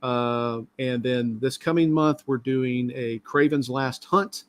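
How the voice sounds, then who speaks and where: A man's voice: mid-range voice, steady tone, slow pace, no echo. A middle-aged man hosting a live stream, talking casually and at length with many fillers. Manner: rambling, talkative, lots of fillers.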